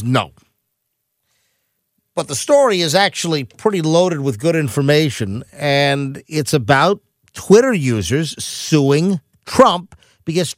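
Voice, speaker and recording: A middle-aged man hosting a talk radio show, ranting in a quick, animated monologue full of asides and restarts. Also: fairly high pitch, no echo, clean studio sound.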